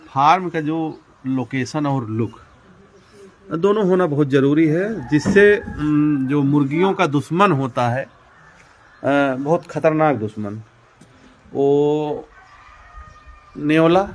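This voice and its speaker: A man's voice: a little high, a little mellow. Man walking through his poultry farm. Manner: explains step by step with many fillers and repetitions; addresses viewers directly as friends and brother. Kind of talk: casual walk-through demonstration.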